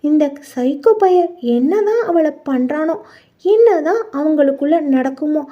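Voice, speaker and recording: A woman's voice: high voice, lively intonation, measured pace. A woman voicing a gossipy, bossy married woman who nags and teases, on muffled lo-fi audio. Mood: gossiping. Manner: nagging, teasing.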